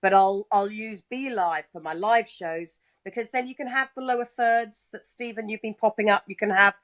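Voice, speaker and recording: A woman's voice: medium pitch, moderate pace, fairly bright tone. A woman with a mid-range voice talks on a live video call. She is polite and chatty, asking and explaining in a casual conversational style. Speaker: guest relaying community questions. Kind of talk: casual chat.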